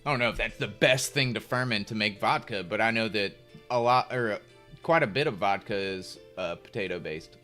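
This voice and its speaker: A man's voice: lowish voice, brisk, bright, forceful tone. A young man chatting casually on a chess stream, rambling and laid-back with lots of fillers. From United States. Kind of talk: casual live-stream chat. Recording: faint music behind.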